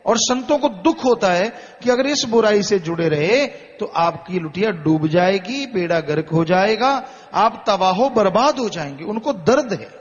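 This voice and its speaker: A man delivers a sermon in a high voice, building his warnings through slow, repeated phrases. The sound is muffled and carries a long hall reverb. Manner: slow, repetitive exhortation. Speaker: spiritual preacher. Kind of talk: Hindi sermon.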